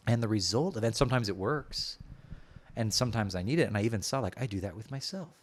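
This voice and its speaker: A man's voice: fairly low pitch, lively intonation, quick pace. A man as a podcast guest in casual conversation, talking openly and reflectively with many filler words.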